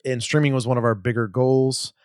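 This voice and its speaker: A man's voice: mid-range voice, steady tone, a little fast, dry recording, studio quality. A man co-hosting a casual podcast, chatting in an easygoing, joking way. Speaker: podcast co-host.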